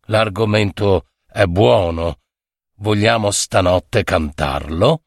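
A man voicing a rich old peasant farmer and poet, rough and stern in manner, in a dry, slow audiobook reading. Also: lowish voice, no echo. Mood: coaxing.

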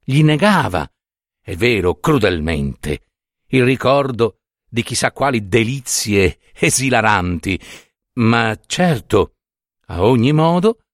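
A man narrating a literary short story with expressive, theatrical phrasing. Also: medium pitch, takes it slowly, no echo, clean studio sound. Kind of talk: dramatic audiobook narration.

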